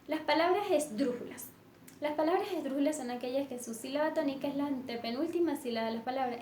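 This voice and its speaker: A woman teaching a lesson in a measured way, with fillers and self-corrections. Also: sits high, a little mellow. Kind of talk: explanatory lesson. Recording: echoey room with faint background noise.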